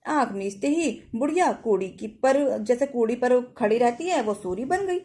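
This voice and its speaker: A woman's voice: a little high, lively intonation, normal speed, mellow. A woman narrating a devotional folk tale in a plain, homely storytelling manner with ritual refrains.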